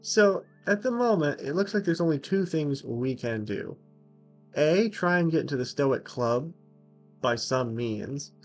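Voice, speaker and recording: A man's voice: a little high, animated, a little slow, soft background music. A man co-hosting a casual let's play, reading the game text aloud and laughing often. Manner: amused, laughs often between lines.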